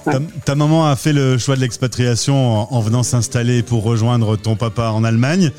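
A man hosting a radio interview, asking relaxed and teasing questions. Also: mid-range voice, normal speed, soft background music. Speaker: radio host.

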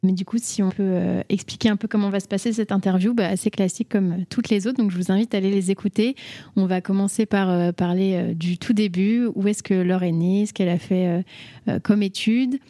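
A woman's voice: medium pitch, fairly even intonation, brisk, mellow, dry recording. A woman hosting a podcast interview, speaking with many hesitant fillers, recorded in a coworking space. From Brittany. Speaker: podcast host. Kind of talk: conversational interview.

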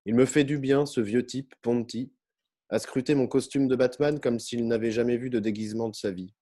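Male narrator for a first-person novel; warm, mid-pitched, measured and unhurried delivery. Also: fairly even intonation.

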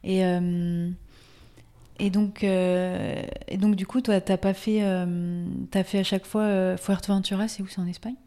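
A woman's voice: medium pitch, little pitch movement, unhurried, warm tone. A woman hosting a casual interview, asking rambling, hesitant questions with many fillers. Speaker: interviewer and fellow yoga teacher.

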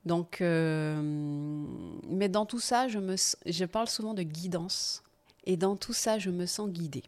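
A woman guest on a podcast, telling her life story in a casual, lively way and often laughing. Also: on the low side, measured pace. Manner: lively, laughing, animated when telling anecdotes.

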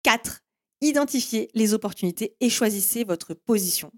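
Speaking at a moderate pace in a slightly high, expressive and somewhat mellow voice, a woman runs her own marketing podcast. Her style is direct and explanatory, full of "en fait" and "eh bien" as she walks listeners through firm, step-by-step instructions.

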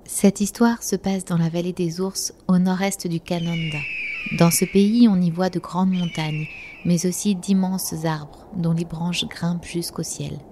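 Mellow-voiced woman reading a children's story. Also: fairly low pitch, a little slow, a little hiss or hum. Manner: gentle, expressive reading. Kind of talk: scripted children's story narration.

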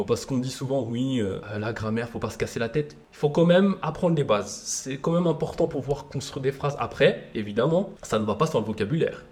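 A young man in his twenties, a guest in an interview, talking casually and hesitantly with many pauses and restarts. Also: mid-range voice, a little mellow.

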